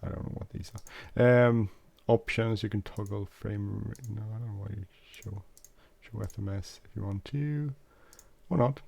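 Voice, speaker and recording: In this casual gameplay walkthrough, a flight sim video host who isn't a native English speaker guides viewers through a flight simulator, hesitating with lots of fillers and self-corrections. His voice is gravelly and darkish, fairly low, with fairly even intonation at a normal pace.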